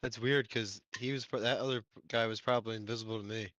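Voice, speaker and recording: Man, bright forceful voice, dry close mic, casual gaming chat, dry jokes. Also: lowish voice, fairly even intonation, quick pace, no echo. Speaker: gaming teammate.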